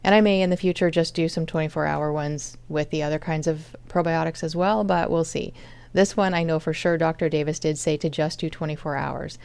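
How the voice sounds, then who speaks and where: A woman's voice: low voice, fairly even intonation, a little fast, vocal fry, darkish tone, smooth. A woman casually narrating her home cooking vlog, explaining each step as she goes. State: chronic fatigue.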